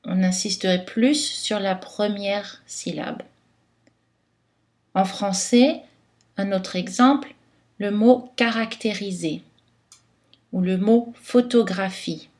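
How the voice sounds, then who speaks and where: A woman giving a scripted phonetics lesson, articulating each word carefully and clearly. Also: mid-range voice, takes it slowly, long pauses, darkish tone. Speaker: phonetics teacher.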